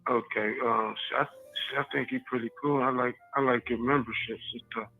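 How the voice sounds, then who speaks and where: A man's voice: medium pitch, steady tone, moderate pace, soft background music. Man caller from Indiana, hesitant mumbler, phone held off his mouth, dull muffled line. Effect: phone held away from the mouth, fading and faint. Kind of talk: call-in chat. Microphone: phone held away from the mouth.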